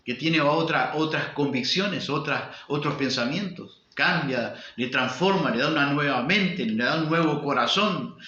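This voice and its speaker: Emphatic Uruguayan pastor preaching in a roomy hall. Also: male voice, on the high side, measured pace, few pauses, sharp tone. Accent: Uruguayan Spanish. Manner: emphatic preaching with rhetorical questions and repetition. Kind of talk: sermon. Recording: roomy, dull lo-fi sound.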